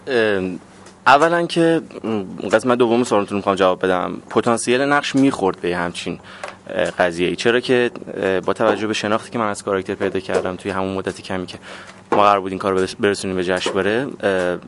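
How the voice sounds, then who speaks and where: A man's voice: deep voice, fairly bright tone, slight background noise. A man, a stage actor, explaining his choices in an interview with frequent fillers. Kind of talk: interview answer.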